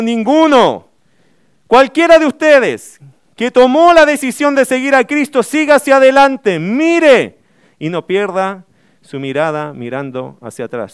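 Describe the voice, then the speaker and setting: A man's voice: very high voice, smooth, dry recording, studio quality. A middle-aged man, preaching a sermon as pastor, emphatic and full of rhetorical questions.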